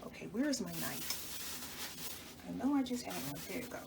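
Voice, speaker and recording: A mid-range, gravelly, animated female voice comes through heavy background noise at a moderate pace. She runs a cooking channel and talks casually to viewers while showing a recipe in her home kitchen. Stuffy from a cold, she corrects herself often along the way.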